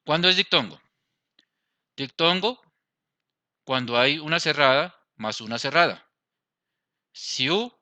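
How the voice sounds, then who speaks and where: Bright-voiced Colombian male teacher. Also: a little high, animated, a little slow, long pauses, dry recording. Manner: explains step by step, asks the class "¿listo?". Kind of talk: grammar lesson over slides.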